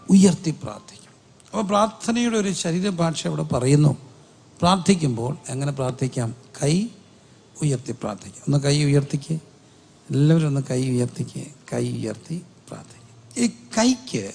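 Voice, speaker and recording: A man's voice: fairly high pitch, gravelly, darkish tone. A man preaching a sermon as pastor, with a Keralite Malayalam accent, asking the congregation rhetorical questions and drawing out emphatic phrases.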